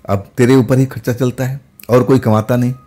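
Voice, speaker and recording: A man voicing a kind, fearless young female ghost who talks softly and familiarly. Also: mid-range voice, little pitch movement, fairly quick, lightly acted. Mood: gently familiar. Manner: soft, familiar, using intimate address.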